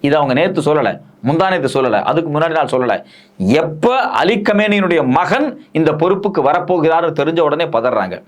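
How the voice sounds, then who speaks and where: Speaking with an Indian Tamil accent, a man gives political news commentary in a fairly high voice. He is expressive and brisk, explaining point by point with emphasis, repeating key phrases and answering his own questions.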